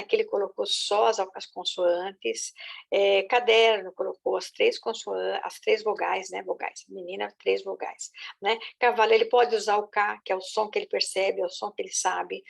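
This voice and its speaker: Gravelly-voiced woman teaching literacy. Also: mid-range voice. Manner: patient, with many "né?" and "tá?" check-ins. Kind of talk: explanatory teaching talk.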